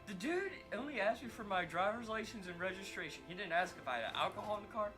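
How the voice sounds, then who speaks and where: A man talking loose and unfiltered on his game stream. His voice sits a little high, and game music plays clearly behind him. He swears and chuckles through his sentences. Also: lively intonation, fast talker. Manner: rambling, profane, laughs mid-sentence. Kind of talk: casual chat while streaming a game.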